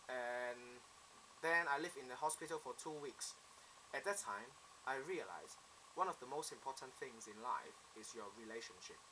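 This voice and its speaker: A young man in his twenties speaks with a Hong Kong accent, telling his story in an earnest, plain way. His voice is bright and clear. A faint hiss sits under the recording. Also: mid-range voice, rough recording. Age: 20s. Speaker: applicant. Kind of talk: self-introduction video monologue.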